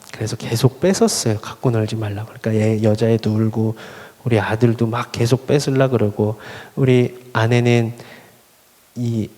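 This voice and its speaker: A male pastor preaching a sermon, telling stories earnestly and building into loud, impassioned appeals. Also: medium pitch. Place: church sanctuary at a Friday worship service. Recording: long reverb of a large church hall.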